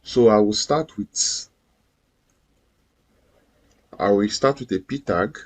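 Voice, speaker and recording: A man's voice: fairly low pitch, takes it slowly. A man teaching a screen-recorded coding lesson, explaining each step patiently and repeating himself. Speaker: coding instructor.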